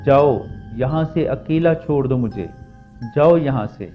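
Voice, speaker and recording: A man's voice: mid-range voice, muffled recording, lightly acted. A man voicing a menacing male spirit that has possessed a girl, speaking in a threatening, gloating way. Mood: angry. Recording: music bed under voice.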